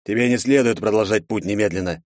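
A man voicing a calm orc healer who speaks slowly and firmly. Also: lowish voice, dry recording, clean studio sound, close to an everyday voice. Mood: firm measured. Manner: slow, firm, measured.

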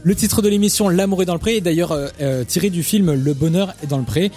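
A man's voice: high-pitched, fast, dark tone, faint music behind. A man co-hosting a student web radio show, reading a media segment in a chatty way and joking with his co-host.

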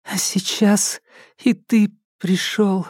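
A frightened young woman held captive, performed by a male narrator, pleads in a high, trembling, almost childlike voice. Her words come out hurried and timid. The read is dry and close. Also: mellow, no room sound. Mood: frightened pleading.

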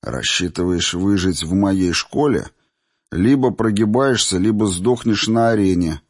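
A man's voice: low voice, unhurried, no echo, clean studio sound. Man doing a sneering young aristocrat bully. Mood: menacing. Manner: sneering, menacing. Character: arrogant young male aristocrat bully, threatening.

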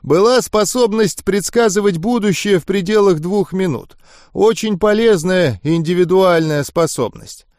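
A gruff middle-aged crime boss , voiced by a man, who barks short insults in a strained, raised voice. He stays contemptuous and curt. The audiobook sound is close and dry. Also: high voice, a little slow, a little mellow, no echo, voice pushed up. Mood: cold.

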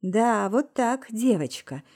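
A woman voicing a hushed, husky young lover. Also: fairly high pitch, expressive, slow, heavily acted. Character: young man, hoarse and possessive lover.

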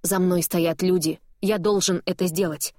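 A woman's voice: lowish voice, steady tone, normal speed, darkish tone, dry recording, studio quality, close to an everyday voice. A woman reading an audiobook, voicing a stern middle-aged male boss who talks curtly and firmly. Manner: curt, weary, firm. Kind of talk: audiobook character voice.

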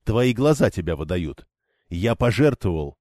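A man's voice: on the low side, very animated, unhurried, a little mellow, dry recording, studio quality. A man playing a stubborn young swordsman who talks in an earnest, pressing way. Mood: insistent.

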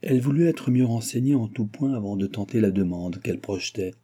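A man narrates a classic novel in an even, literary storytelling manner. His voice is low-pitched, very dark and somewhat husky. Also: brisk. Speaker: audiobook narrator. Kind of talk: scripted narration.

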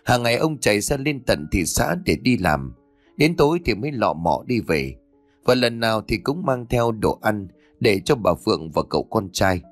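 A man narrating a ghost story with expressive, rising and falling delivery. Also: lowish voice, moderate pace, no echo. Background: faint background music.

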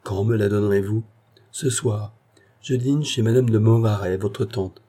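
A man's voice: fairly low pitch, fairly even intonation, measured pace, dark tone. A man voicing a shy, loyal young army officer in a read-aloud story, speaking faintly and hesitantly. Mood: uneasy. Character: timid young army lieutenant, loyal, uneasy.

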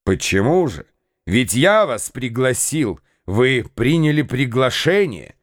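An actor reading a contemptuous, impatient young bully in a radio play. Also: male voice, medium pitch, sing-song, takes it slowly, no echo, studio quality. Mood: scornful. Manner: snapping, contemptuous. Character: rough, bullying young man, scornful and impatient.

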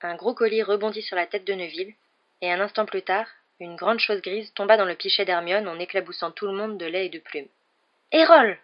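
A woman reads a novel aloud for a night-time radio show in a calm, even voice. Her pitch sits in a middle range. The recording sounds a little dull and lo-fi. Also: fairly quick. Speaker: radio reader.

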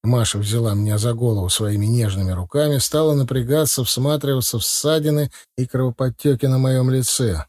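A man reading a first-person audiobook in a steady, measured way. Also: mid-range voice, no echo, studio quality. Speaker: audiobook narrator.

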